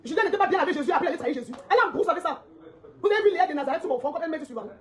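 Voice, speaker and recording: A woman's voice: extremely high pitch, lively intonation, racing. A woman delivering a heated, confrontational social media rant, repeating her points and laughing mockingly.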